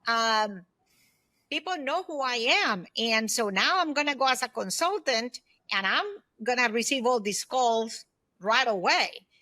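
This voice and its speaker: Expressive and a little slow, the fiftysomething woman talks in a fairly high voice with a clearly bright, forward quality. A solopreneur consultant and ex-aerospace executive, she's a guest in a conversational interview, emphatically recounting her experience and giving advice while posing questions to herself.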